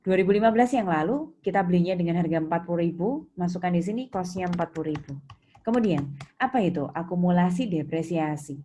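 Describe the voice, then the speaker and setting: A fast-talking accounting teacher with an Indonesian accent has a lowish, dark voice with lively intonation, and the highs are cut off. Her interactive lecture mixes didactic explanation with questions to students, over noisy audio with typing and keyboard clicks.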